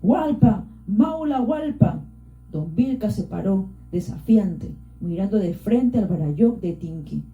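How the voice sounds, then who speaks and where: A woman reads an audiobook in a steady, measured way. Her voice is very dark and mellow, and the recording is roomy and a little dull. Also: fairly low pitch. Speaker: audiobook reader. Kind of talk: scripted audiobook narration.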